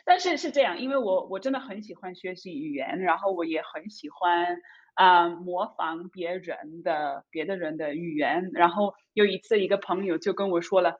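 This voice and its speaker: A woman's voice: fairly low pitch, moderate pace, highs cut off. A woman in her thirties from Zurich, a German speaker, chats casually as a foreign Mandarin speaker, hesitant and giggly, often repeating words. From Zurich, Switzerland. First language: Swiss German. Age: 30s. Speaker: podcast guest. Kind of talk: casual interview chat in Mandarin as a foreign learner.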